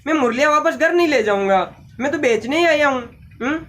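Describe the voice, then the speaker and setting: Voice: high voice, lively intonation, a little fast, a bit bright. A teacher voicing a cheerful male flute seller who patiently coaxes a crowd of eager children to wait their turn. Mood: coaxing. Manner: patient, coaxing, repeats himself.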